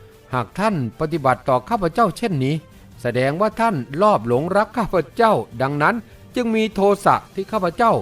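A man's voice: high-pitched, sing-song, normal speed, faint music behind. A man voicing a sly, teasing young noblewoman in an audiobook, talking in a sweet, mocking tone. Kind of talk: audiobook character voice.

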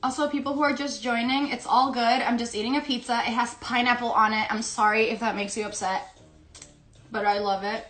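A young South American woman, a native Spanish speaker, hosts an Instagram live from a home room with her pet dog, chatting casually, giggling, and talking while she eats. Her voice sits on the high side, steady, fairly quick and fairly bright. It's captured on a phone or laptop livestream, with a roomy sound.

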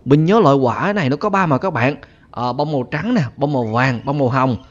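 A man's voice: medium pitch, quick pace, highs cut off. A man giving chatty gameplay commentary, constantly addressing his viewers. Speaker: gaming YouTuber.

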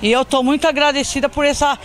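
A woman's voice: sits high, fairly even intonation, fast talker. A middle-aged woman speaking bluntly about local health care in a street interview, into a handheld mic outdoors. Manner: blunt complaint, then gratitude. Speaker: patient interviewed. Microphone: handheld reporter mic.

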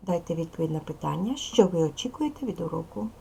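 A woman teaching a recorded lesson to young children, speaking slowly and carefully and addressing them directly as a primary school teacher. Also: lowish voice, animated, creaky, dark tone, slightly rough, poor audio.

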